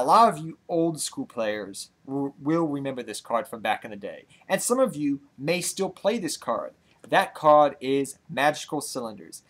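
A young man hosting a card-game channel, out of breath and talking in a rambling, excitable way that repeats itself. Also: a little high. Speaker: channel host. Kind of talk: casual card-game vlog.

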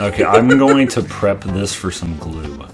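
A man's voice: low voice, expressive, measured pace, music in the background. A man hosting a casual game session with friends, teasing and laughing as he plays. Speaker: gaming channel host. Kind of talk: casual gameplay chat.

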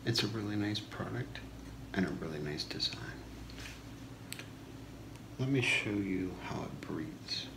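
A man in his thirties doing an ASMR role-play as a shopping channel host, soft-spoken, with a slow, deliberate product pitch in a small room. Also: lively intonation. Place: small home room, indoors. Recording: echoey room with clear background noise.

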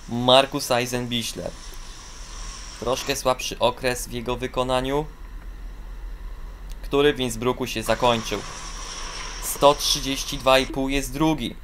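A man calls ski jumping in a video game, his voice at an ordinary middle pitch. He breaks into high, excited shouts on the long jumps and stumbles over fillers and restarts. A faint hiss sits under the voice. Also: slow pace, long pauses.

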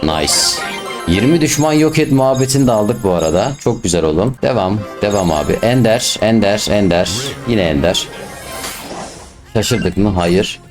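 Excitable young man commentating a game. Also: on the low side, moderate pace, over music. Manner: excitable, swears and snaps at teammates. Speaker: gaming YouTuber. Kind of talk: casual gameplay commentary.

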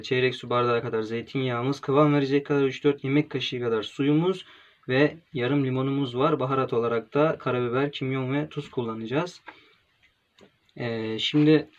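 A young man from Turkey, a gastronomy student, calmly walking through a cooking demonstration step by step, with pauses and fillers. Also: medium pitch. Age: young adult. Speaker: gastronomy student presenting a recipe. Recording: dull lo-fi home recording with faint noise.

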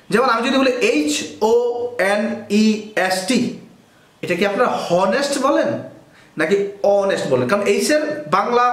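High-voiced man teaching grammar. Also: a bit bright, echoey room. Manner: explains step by step, asks and answers his own questions. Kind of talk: explaining grammar lesson.

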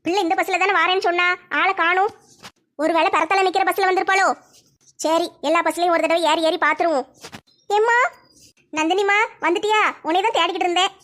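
A woman's voice: very high-pitched, steady tone, brisk, a bit bright. A woman voicing a stern, protective middle-aged village mother, lecturing and scolding. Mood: fond.

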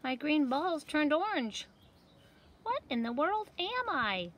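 A woman's voice: high-pitched, big pitch swings, takes it slowly, a bit bright, voice pushed up, full character voice. A woman voicing a curious, impatient young seed in a picture-book read-aloud, childlike and full of questions. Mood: puzzled.

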